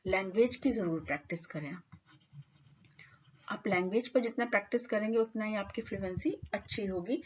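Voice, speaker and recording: A woman teacher lecturing students in a clear, explanatory way, mixing English terms into her speech. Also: mid-range voice. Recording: slightly dull lo-fi audio.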